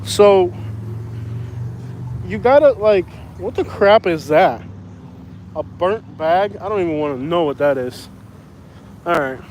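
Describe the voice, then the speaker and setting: A man's voice: sits high, expressive, slow, pauses often, a little mellow, slight background noise, rough recording. A Cuban man who drives for a rideshare app, talking bluntly and rambling in a casual livestream while walking outdoors on a city street. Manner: blunt, opinionated, rambling with restarts.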